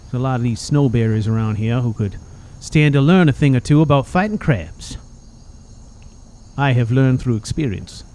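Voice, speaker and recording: A man's voice: medium pitch, animated, moderate pace, warm tone, lightly acted. A man voicing a cheeky, chatty old rusty robot in a game, with a folksy drawl and teasing manner. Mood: boastful, amused. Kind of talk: video game character dialogue.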